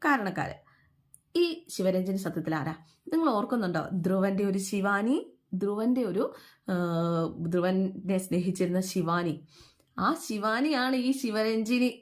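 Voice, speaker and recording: A woman's voice: medium pitch, animated, measured pace. A woman talking casually as she recaps a TV serial episode, often asking listeners questions and acting out the characters' lines. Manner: chatty, with many fillers, asks listeners questions, acts out quoted dialogue.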